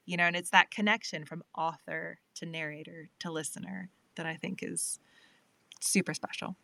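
Bright-voiced woman narrator chatting. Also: fairly low pitch, fairly even intonation, vocal fry, dry recording. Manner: chatty, laughs often, quick asides. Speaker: audiobook narrator and guest. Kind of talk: casual interview chat. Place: lives in England.

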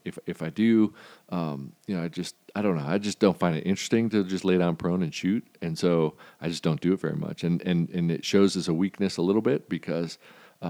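A man hosting a podcast, talking through shooting technique in a rambling, halting way, with many fillers and restarts. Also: low voice, dark tone. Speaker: podcast host. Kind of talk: casual monologue on shooting technique.

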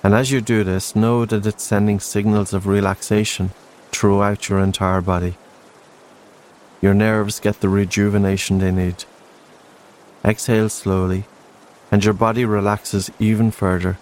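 A man narrating a slow guided breathing meditation in a soft, soothing, unhurried way. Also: lowish voice. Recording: faint steady background noise. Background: soft green-noise ambience.

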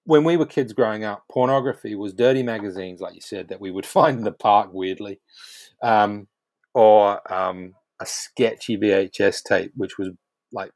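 Kiwi guy chatting on a podcast, lowish voice, dry close sound, blunt and swears a bit. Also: normal speed, a little mellow, no echo. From New Zealand. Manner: frank, emphatic, swears casually. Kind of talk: casual conversational podcast chat.

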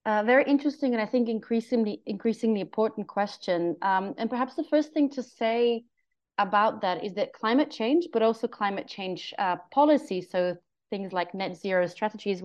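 A woman's voice: mid-range voice, a little mellow, highs cut off. A woman researcher answering interview questions on a podcast, explaining carefully with frequent ums and uhs. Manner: careful, explanatory, many um and uh fillers. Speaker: guest researcher.

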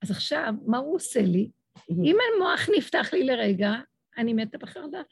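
A middle-aged woman preaches with feeling, her fairly high voice full of vocal fry and slightly husky. She swings her pitch as she acts out little dialogues for her listeners. The sound is close and dry. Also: big pitch swings, dry recording. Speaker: religious speaker. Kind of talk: emotional religious talk to an audience.

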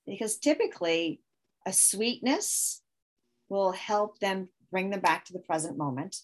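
Unhurried and mid-range, with lively intonation, a mother speaks as a parenting expert guest in a relaxed interview. She explains her approaches by restarting thoughts and performing short example phrases for a child.

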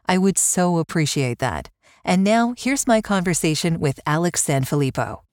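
A woman's voice: fairly low pitch, expressive, normal speed, dry recording, studio quality. A woman hosting a podcast interview, who laughs easily and speaks appreciatively. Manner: warm, laughs often, appreciative. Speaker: podcast host.

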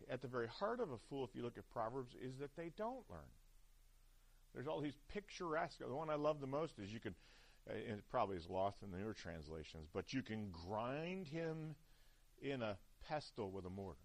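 A man preaching a chapel sermon at a seminary, talking conversationally with frequent "right?" checks and restarts. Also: mid-range voice.

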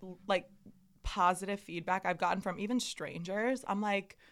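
A woman's voice: mid-range voice, normal speed, a bit bright. A young woman in her twenties co-hosting a podcast, talking in a candid, rambling and self-deprecating way with lots of fillers. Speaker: podcast co-host. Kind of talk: casual chat.

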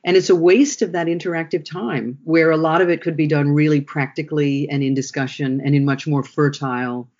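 A man, a workshop trainer, talking through his ideas in a relaxed interview, often restarting his sentences as he thinks. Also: on the high side, fairly quick, few pauses, highs cut off. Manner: reflective, thinks aloud with frequent restarts.

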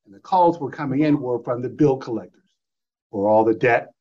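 A man's voice: medium pitch, a little fast, dark tone. Middle-aged man telling a story, dull audio. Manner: loose, rambling, acts out remembered phone calls. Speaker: guest. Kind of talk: personal storytelling in conversation.

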